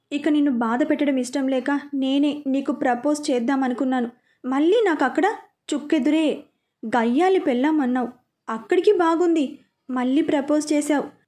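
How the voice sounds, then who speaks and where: A woman's voice: sits high, warm tone, lightly acted. A woman voicing a hurt, reproachful young wife in an audio story, pleading and scolding by turns.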